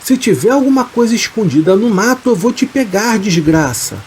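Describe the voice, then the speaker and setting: A man voicing a drunk, boastful, skeptical horseman who shouts taunting threats into the dark. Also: high voice, lively intonation, normal speed, a little hiss or hum, voice pushed up. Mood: defiant.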